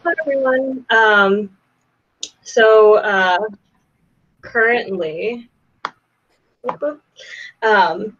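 A woman's voice: medium pitch, extremely slow, pauses often, fairly bright tone, highs cut off. A young woman from Southern California, a panelist introducing herself on a video call, hesitant and full of ums. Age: young adult. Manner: hesitant, many ums and restarts.

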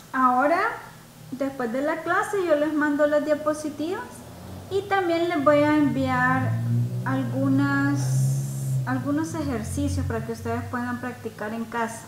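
A woman's voice: high-pitched, echoey room, slight background noise, rough recording. A woman teaching an English class to Spanish speakers, patiently repeating each example word for her students. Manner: patient, repeats words slowly for learners. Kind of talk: online class explanation.

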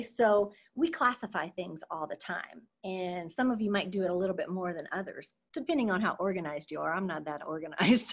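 A woman's voice: medium pitch, a bit bright. A young adult woman teaching an online marine science lesson to children over a video call, in an upbeat, chatty teacher voice that keeps checking in with "okay?". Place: at home.

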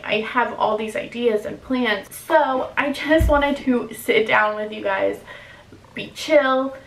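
On poor, roomy audio with slight background noise, a vlogger in her twenties opens up to the camera at medium pitch. Close to tears and emotional, she speaks confessionally and casually, leaning heavily on fillers like "like" and "um".

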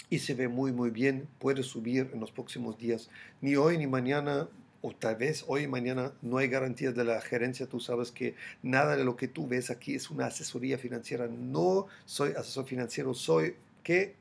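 A man's voice: mid-range voice, gravelly, husky. A man in his forties from Germany with a German accent, chatting animatedly through daily crypto market commentary from a hotel room on a webcam. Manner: animated, gestures a lot, chatty with the viewer. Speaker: crypto YouTuber.

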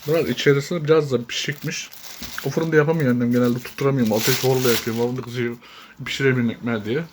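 A man's voice: mid-range voice, steady tone, rapid-fire, noisy background. Chatty teasing man vlogging at home. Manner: chatty and teasing, often laughing. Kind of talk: casual home vlog chat. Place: village house kitchen, indoors.

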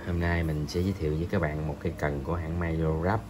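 A man reviewing a fishing rod in a hesitant voice-over, pausing often and filling gaps. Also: rumbling low, little pitch movement, noisy background. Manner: slow, hesitant, many pauses and fillers.

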